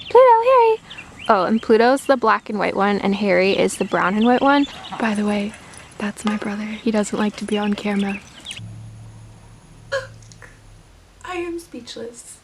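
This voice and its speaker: A young woman vlogging casually about books, chatty and excitable, rambling from one thought to the next. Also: medium pitch, recorded from a distance, slight background noise. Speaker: book vlogger. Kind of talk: casual vlog chat.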